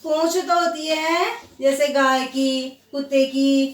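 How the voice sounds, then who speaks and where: A woman teacher with a high voice gives a grammar lesson to young pupils. She speaks slowly, drawing out each example word and putting questions she answers herself. She sounds set back from the mic in a room with a clear echo. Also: fairly even intonation, far from the mic. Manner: slow, drawn-out repetition of example words. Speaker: school teacher. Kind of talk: Hindi grammar lesson for children.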